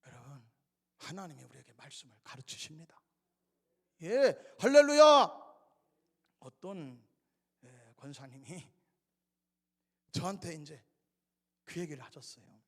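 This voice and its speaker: A male pastor preaching an expository sermon, acting out quoted voices, swinging between shouts and whispers. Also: medium pitch, moderate pace, vocal fry, pauses often, slightly rough. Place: church sanctuary. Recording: reverberant church sanctuary.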